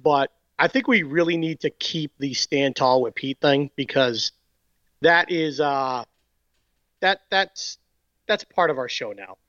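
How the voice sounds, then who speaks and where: Excitable Boston man on a podcast. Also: fairly high pitch, a little slow, dry recording, highs cut off. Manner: excitable, stammering restarts. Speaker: podcast co-host. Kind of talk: casual podcast chat.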